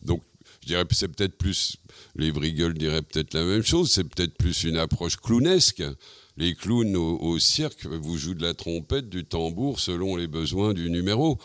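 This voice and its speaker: A man, an actor guest in a radio interview, talking in a relaxed, reflective way with many pauses. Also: low-pitched, no room sound. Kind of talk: casual radio interview chat.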